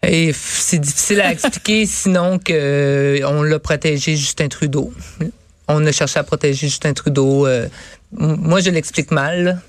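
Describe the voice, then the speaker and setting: High-voiced Québécois man, dry sound. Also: normal speed, dry recording. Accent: Quebec French. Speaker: comedy writer. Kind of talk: casual chat.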